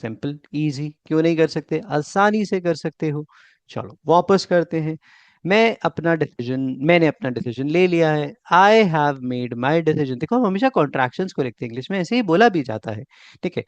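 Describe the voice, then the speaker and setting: A man teaching spoken English, drilling English phrases slowly and checking often whether students follow. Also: fairly high pitch, expressive, no room sound. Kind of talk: bilingual Hindi-English lesson. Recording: dull, dry lo-fi sound.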